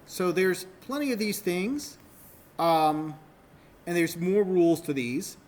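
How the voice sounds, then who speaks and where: A man's voice: high-pitched, lively intonation, slow, a little mellow. A male university lecturer giving a classroom lecture, explaining step by step, correcting himself often and checking that students follow.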